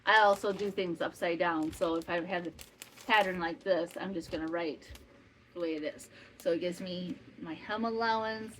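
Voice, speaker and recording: A woman's voice: fairly low pitch, normal speed, a bit bright, rough recording. Chatty woman in her fifties, faint fan hum. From northwestern Wisconsin, US Midwest. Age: 50s. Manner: chatty, rambling with asides and self-corrections. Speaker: podcast host and maker. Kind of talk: casual chat podcast. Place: home in summer heat with a fan running.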